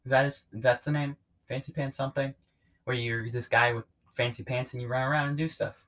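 A man's voice: mid-range voice, steady tone, fairly quick, a bit bright, poor audio. A man co-hosting a casual podcast, chiming in with laid-back, offhand remarks. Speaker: podcast co-host. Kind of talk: casual chat.

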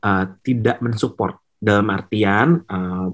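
Young guy, low husky voice, halting casual interview talk with lots of fillers. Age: young adult. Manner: hesitant, many fillers and restarts, mixes in English. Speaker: musician guest.

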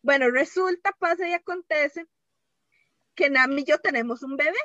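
A woman's voice: high voice, normal speed, sharp tone, dry recording, highs cut off. A woman with a Costa Rican accent telling a dream in casual chat, rambling and sprinkling in English. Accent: Costa Rican Spanish. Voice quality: chatty, rambling, mixes in English.

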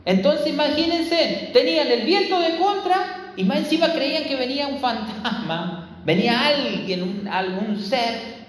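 Preacher, lively swooping delivery, sermon in a reverberant church hall. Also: high-pitched, a little slow. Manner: animated, repeats phrases for emphasis, addresses the congregation directly. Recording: echoey hall with long reverb.

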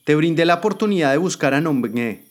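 A man's voice: on the high side, lively intonation, brisk, voice pushed up, close to an everyday voice. A man voicing a scornful, ruthless woman politician. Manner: taunting, contemptuous. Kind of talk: dramatic storytelling.

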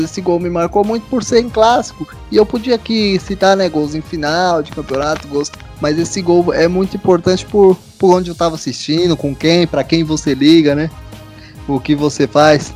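A man's voice: on the high side, moderate pace, darkish tone, soft background music. A Brazilian man in casual, conversational football chat as a show host.

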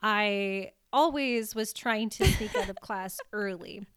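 A woman's voice: medium pitch, takes it slowly, a bit bright, clean tone, no echo, studio quality. A young woman from Canada co-hosting a podcast, chatting casually with a laugh and plenty of "like". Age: young adult. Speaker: podcast co-host. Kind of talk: casual chat.

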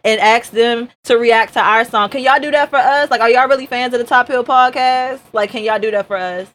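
A woman's voice: a little high, a little fast, fairly bright tone. An American woman co-hosting a podcast with casual, playful, slangy banter. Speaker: podcast co-host. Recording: faint background noise.

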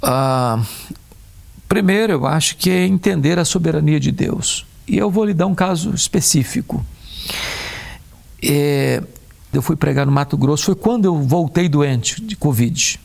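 Preacher guy, really gravelly voice, slows down on the big words. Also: fairly high pitch, expressive, darkish tone. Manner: measured, slows down to stress key words. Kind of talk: conversation on faith and grief.

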